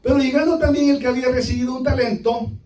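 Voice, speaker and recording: A male pastor preaching a sermon with dramatic swings between loud and hushed delivery. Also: extremely high pitch, steady tone, fast. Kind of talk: Spanish-language sermon. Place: church sanctuary. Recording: echoey church from far off.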